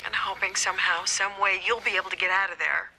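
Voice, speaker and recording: A woman's voice: mid-range voice, steady tone, fast talker, pushed and bright, slight background noise. An actress playing a determined, caring woman doctor in a soap opera, with a pressing, emotional manner. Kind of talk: daytime soap drama acting.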